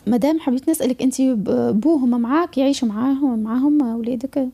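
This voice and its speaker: A Tunisian woman counselor speaks with a gravelly, husky, dark voice. She talks fast and keeps it high-pitched for a woman. She presses with questions and lays out her reasoning. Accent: Tunisian Arabic. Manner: probing, explaining. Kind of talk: advice talk.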